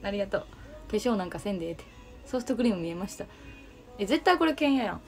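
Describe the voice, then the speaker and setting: A woman's voice: medium pitch, expressive, fast, faint music behind. A young woman with a Kansai Japanese accent hosting a casual livestream, chatting and answering viewer comments. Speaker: livestream host.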